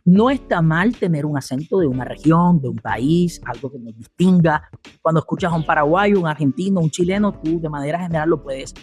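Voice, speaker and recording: A man's voice: on the high side, fairly quick, soft background music. A middle-aged man with a Colombian Caribbean coast accent, a communication coach talking casually on a podcast and acting out example dialogues. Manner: animated, acts out example dialogues.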